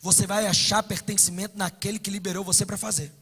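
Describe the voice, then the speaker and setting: High bright Brazilian man preaching. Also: fairly even intonation, quick pace, breathy edge. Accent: Brazilian Portuguese. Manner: passionate, swings between loud declarations and hushed asides. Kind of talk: conference sermon. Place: conference hall. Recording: echoey hall reverb.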